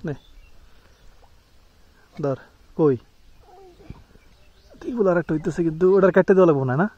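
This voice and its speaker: A man's voice: a little high, normal speed, dull audio. A young man chatting casually to viewers in a family vlog outdoors at a rural home, coaxing his small son along the way. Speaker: family vlogger.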